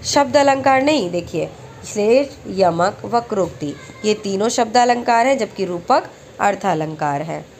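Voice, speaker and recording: A woman teaching exam-prep lessons who recites verse slowly and then explains each question step by step. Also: medium pitch, lively intonation, darkish tone, a little hiss or hum.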